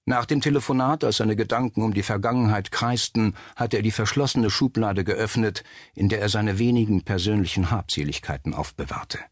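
A man reading a suspense novel aloud as narrator, measured and steady. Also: lowish voice, no room sound, studio quality. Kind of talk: scripted audiobook narration.

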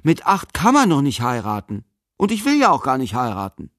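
A man's voice: mid-range voice, animated, normal speed, darkish tone, no echo, studio quality, voice pushed up, lightly acted. A man voicing a curious, cheerful eight-year-old boy in an audiobook, talking eagerly and chattily. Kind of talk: audiobook character voice.

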